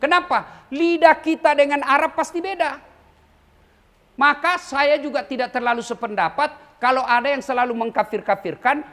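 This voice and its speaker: A man preaching a lively, humorous sermon to a large gathering, who jokes and mimics regional ways of speaking. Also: very high voice. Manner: animated, joking, mimics regional speech. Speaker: Islamic preacher.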